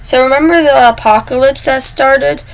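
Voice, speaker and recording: A woman's voice: high-pitched, moderate pace, gravelly, low-quality recording. A woman casually telling a made-up story, chatty and stumbling over words as she goes. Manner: chatty, stumbles and restarts mid-word.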